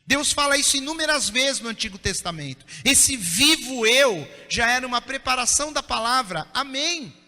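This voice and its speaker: A man preaching a sermon as pastor, impassioned and often dropping to soft, intense tones. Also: very high-pitched, animated, moderate pace. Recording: long reverb of a church hall.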